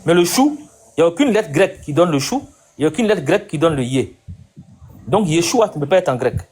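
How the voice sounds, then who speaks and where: A man's voice: on the high side, animated, quick pace, a little mellow, breathy edge. A man hosting a debate, insistently questioning his guest and repeating his points. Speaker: debate host. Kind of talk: live debate conversation.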